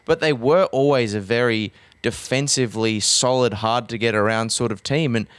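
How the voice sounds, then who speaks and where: A quick, animated Australian man riffs on football with a joking edge. His voice is mid-pitched and recorded close and dry, with no room sound. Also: smooth, dry recording. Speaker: podcast co-host, football pundit. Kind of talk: casual podcast chat.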